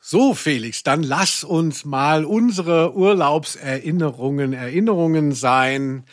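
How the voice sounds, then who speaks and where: Soft music plays behind this podcast host, whose voice sits a little high and moves at an unhurried pace. His chat is casual, meandering and self-deprecating.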